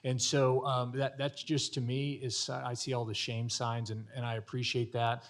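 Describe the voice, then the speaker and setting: A male county commissioner giving unscripted remarks at a public meeting, halting and repeating words as he searches for phrasing. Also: medium pitch, little pitch movement.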